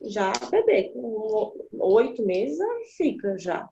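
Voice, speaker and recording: A woman speaking as a guest, explaining child development in animated conversation and acting out the voices she quotes. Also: on the high side, takes it slowly, gravelly, slight background noise. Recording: dull lo-fi sound.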